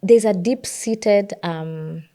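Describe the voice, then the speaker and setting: A woman with a Kenyan accent co-hosting a political discussion podcast, talking in an animated, emphatic way and repeating phrases for effect. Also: mid-range voice, extremely slow. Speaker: podcast co-host.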